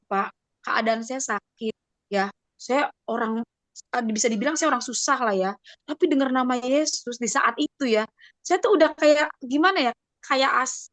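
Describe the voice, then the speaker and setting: Woman, personal testimony, storytelling, acts out quoted voices, dry sound, fairly high voice. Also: moderate pace, fairly bright tone, dry recording. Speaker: guest giving a testimony. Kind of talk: personal testimony on a video call. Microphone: video call.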